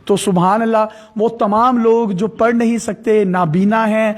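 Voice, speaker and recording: A man's voice: high voice, steady tone. A man hosting an interview, explaining an app step by step in devout phrasing. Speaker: host.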